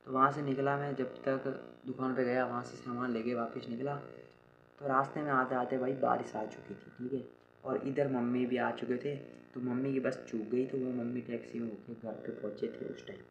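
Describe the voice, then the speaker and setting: A man's voice: medium pitch, vocal fry. A young man vlogging, telling a personal story in a rambling casual way, restarting sentences and often checking in with the listener. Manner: rambling, restarts often, keeps saying "theek hai" and calls the listener "bhai". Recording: dull lo-fi audio with loud ambient noise and animal sounds.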